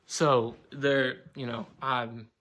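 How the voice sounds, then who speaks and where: A man's voice: mid-range voice, little pitch movement, drawn-out words, a bit bright. A young man talking to camera at home in a casual vlog monologue, rambling, swearing often and leaning on "like". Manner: rambling, profane, filler-heavy with "like". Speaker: vlogger.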